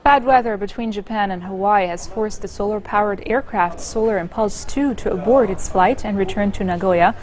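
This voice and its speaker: A woman news anchor reading scripted bulletins in a steady, measured way. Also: mid-range voice.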